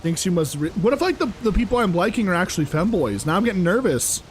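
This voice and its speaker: A young man live-streaming a video game, chatting casually with his viewers in an animated, exasperated ramble full of fillers. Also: high-pitched, quick pace, a little hiss or hum, rough recording. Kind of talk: casual live-stream chat while playing.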